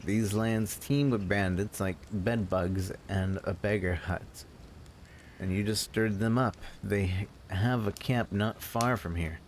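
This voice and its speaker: Man putting on a sputtering, indignant trader, low-voiced. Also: steady tone, slow pace, a little hiss or hum. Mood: bitter indignation. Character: sputtering angry male trader cursing bandits.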